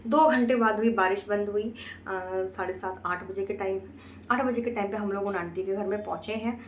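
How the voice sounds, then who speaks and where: Woman storyteller, earnest first-person recounting, medium pitch, echoey room. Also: moderate pace, a little hiss or hum. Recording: roomy echo, faint ambience.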